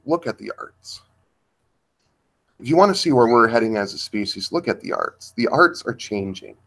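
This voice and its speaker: A man speaks at a deliberately slow pace, with frequent pauses as he feels his way toward each point. His voice sits in an ordinary middle register, and he talks in a halting, thoughtful way during a livestream discussion. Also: medium pitch. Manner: slow and halting, pausing to search for words.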